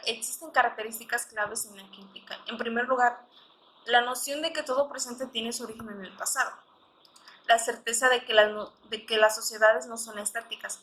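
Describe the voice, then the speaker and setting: A woman's voice: a little high, bright, forceful tone, slight background noise, poor audio. A woman panelist reading a prepared academic text in a formal way, sometimes stumbling over words. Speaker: panelist, history teacher.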